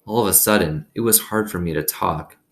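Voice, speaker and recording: Reading a children's novel aloud fairly quickly, a man with a low voice brings storyteller expressiveness to the narration, aimed at young listeners.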